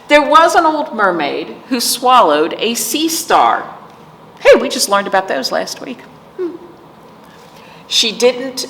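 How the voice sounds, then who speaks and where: A storytime host reads to young children, her voice swinging up and down in an animated sing-song as she speaks right to them. She takes each phrase unhurriedly. The room echoes heavily, and background noise comes through clearly.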